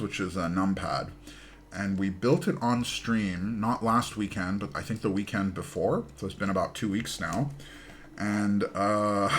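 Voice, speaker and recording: Rambling, low-voiced man chatting on stream. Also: a little hiss or hum. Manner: rambling storyteller, trails off and restarts. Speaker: streamer building a keyboard. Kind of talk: casual live-stream chat.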